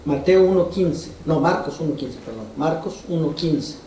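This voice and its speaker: A man's voice: fairly high pitch, moderate pace, warm tone, a little hiss or hum. A man preaching a sermon as pastor, in a conversational way, putting direct questions to the congregation. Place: church hall. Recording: roomy echo from far off.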